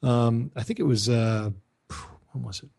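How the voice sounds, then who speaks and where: A man's voice: medium pitch, measured pace, gravelly, darkish tone. A man hosting a talk radio show from his home studio, chatting casually with lots of fillers and small laughs. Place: home studio, talking over Skype.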